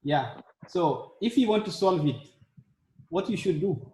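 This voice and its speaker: A man's voice: high voice, lively intonation, measured pace. A man hosting a casual language practice session, encouraging and repeating his words as he talks. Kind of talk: casual group conversation. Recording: echoey room with faint noise.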